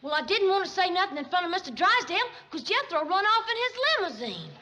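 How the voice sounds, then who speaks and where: A scolding old mountain granny in a TV comedy. Her voice is extremely high and animated, with a thick rural Southern accent, and an audience is heard behind. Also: quick pace, highs cut off, a crowd in the background, background noise. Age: older. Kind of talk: sitcom acting.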